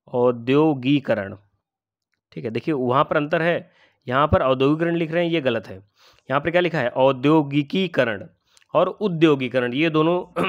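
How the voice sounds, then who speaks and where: A man's voice: medium pitch, fairly bright tone. Male tutor, middle-aged, patient and repetitive, asks himself questions while teaching exam spelling. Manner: explains patiently, repeats words and asks rhetorical questions. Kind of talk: spelling lesson for exam aspirants.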